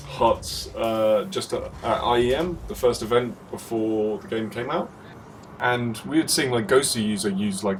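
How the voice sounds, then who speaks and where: Bantering and laughing with his co-caster, a man gives casual commentary on a video game match. His voice is lowish, with a faint hiss or hum in the recording.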